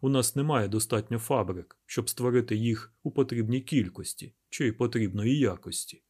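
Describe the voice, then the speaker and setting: A man reading an audiobook plays a calm, calculating male mayor laying out a plan in a measured, deliberate way. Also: medium pitch, breathy edge, natural voice.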